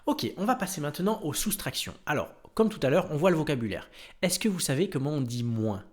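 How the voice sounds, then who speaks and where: A man's voice: a little high, sing-song, fairly quick. A French-speaking man teaching a lesson, patient, spelling out words letter by letter. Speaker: English teacher. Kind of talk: explaining a lesson.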